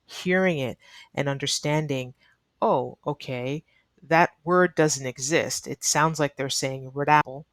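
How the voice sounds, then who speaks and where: A woman with a deep voice and a neutral American accent teaches an online English lesson as an ESL teacher, explaining earnestly and repeating key advice for emphasis. There is no room sound.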